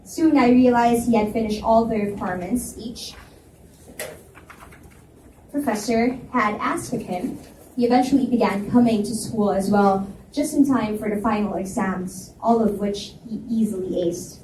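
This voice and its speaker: At an indoor reading event in a library, a woman tells a first-person story aloud to a live audience. Her voice sits at a medium pitch with a warm tone and a moderate pace. The room is echoey, the mic is distant, and there's faint noise.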